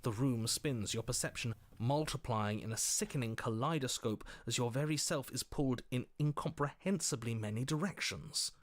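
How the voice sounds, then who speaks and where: A man playing a solemn, stern storybook narrator in a dark game, delivering scripted narration. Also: medium pitch, moderate pace, few pauses, close to an everyday voice. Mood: grave. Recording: game audio over prominent music.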